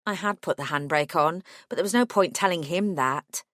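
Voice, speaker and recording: Woman reading a novel, dry close booth sound, even wry delivery. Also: fairly low pitch, moderate pace, no room sound. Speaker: audiobook narrator. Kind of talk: first-person audiobook narration.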